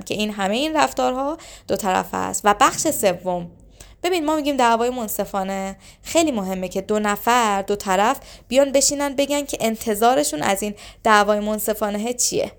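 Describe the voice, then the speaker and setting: A woman's voice: mid-range voice, gravelly. A woman giving relationship advice, explaining points one by one and acting out short example lines. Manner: instructive, acts out short example lines of couples arguing. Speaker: relationship advisor. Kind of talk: advice talk to camera.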